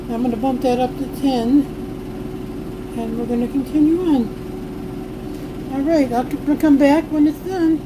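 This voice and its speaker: A woman's voice: sits high, background noise. A woman talking viewers through her home cooking in a homey, chatty way, recorded on a phone in her kitchen. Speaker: home cook vlogger. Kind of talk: casual cook-along narration. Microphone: phone camera held while cooking.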